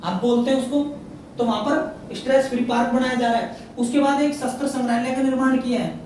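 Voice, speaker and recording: A man's voice: very high voice, fairly even intonation, brisk, a little mellow. A man teaching an exam prep lesson, asking questions and answering them himself and repeating each fact. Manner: repeats facts, quizzes himself, frequent "theek hai na". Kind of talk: current affairs lesson. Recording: very echoey room, mic far off, faint noise.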